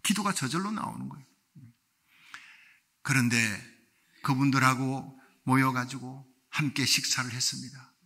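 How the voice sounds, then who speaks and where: A man's voice: medium pitch, bright, forceful tone, husky. A male pastor preaching a revival sermon, telling a story and then building to fervent exhortation.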